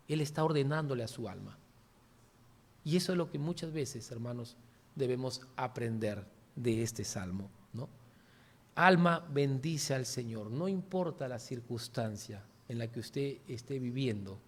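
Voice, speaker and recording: A man delivers a church sermon in a somewhat high voice. He speaks earnestly in short phrases, keeps turning to his listeners with a questioning tag, and repeats his points for emphasis. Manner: earnest, often adds a questioning "¿no?" and addresses listeners as "hermanos". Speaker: preacher.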